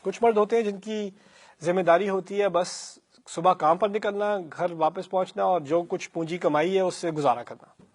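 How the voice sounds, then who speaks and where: A man giving a religious lecture, reading Arabic lines and retelling them in Urdu, acting out the people in the story with feeling and slipping in English words. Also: sits high. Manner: reads Arabic then paraphrases it, voices the speakers emotionally. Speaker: Islamic lecturer. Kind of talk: Urdu sermon retelling a hadith.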